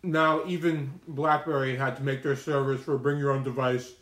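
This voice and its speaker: Speaking at a moderate pace in a medium-pitched, fairly bright voice with little pitch movement, a man streams a mukbang and chats casually with viewers. He's rambling and opinionated, telling stories laced with slang, in a roomy, echoey space.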